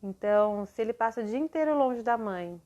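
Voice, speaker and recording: A woman's voice: a little high, lively intonation, a little fast, dark tone, lo-fi sound. A woman mentoring parents in a live online session, explaining patiently and acting out what to say to a child.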